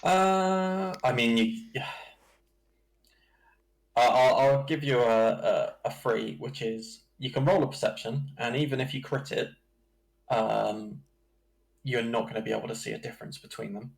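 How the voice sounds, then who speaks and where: A man running a tabletop game as dungeon master, narrating in a slow, halting way with chuckles. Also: mid-range voice, gravelly, rough recording.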